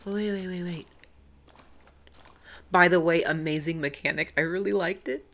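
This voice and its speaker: A woman giving let's-play commentary, excitable, exclaiming and talking to the game as she plays. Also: on the low side, moderate pace. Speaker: gaming video creator.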